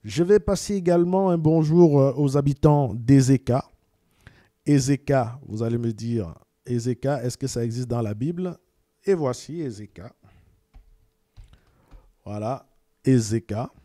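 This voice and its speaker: Mellow-voiced Cameroonian man explaining. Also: mid-range voice, unhurried, pauses often, no echo, clean studio sound. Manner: repeats words, sends greetings to viewers. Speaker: video presenter. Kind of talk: casual explanatory talk.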